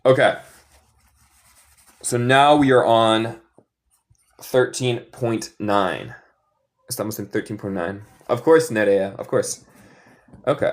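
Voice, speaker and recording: Slow, patient American English teacher. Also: male voice, mid-range voice. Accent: American, speaking Spanish as a learner. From northern United States. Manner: patient, encouraging, switches between Spanish and English, models words slowly. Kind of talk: live-streamed language class.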